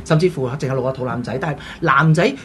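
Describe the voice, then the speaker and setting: A show host with a Hong Kong Cantonese accent, giving lively, casual commentary in a chatty way and repeating phrases for emphasis. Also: mid-range voice, fast talker. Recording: noticeable background noise.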